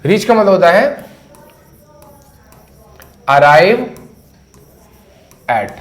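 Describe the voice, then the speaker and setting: A fairly high-voiced man gives a casual English lesson. He chats and jokes with his class and says each word over and over so it sticks. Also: big pitch swings, very slow. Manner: chatty, jokey, repeats key words to drill them. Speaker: English teacher.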